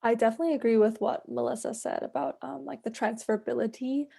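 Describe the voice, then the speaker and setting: A woman in her twenties answers casually as a student panellist in a webinar interview, chatting conversationally and scattering filler words throughout. Her voice is a little high, mellow and husky with vocal fry, quick-paced and fairly even in intonation.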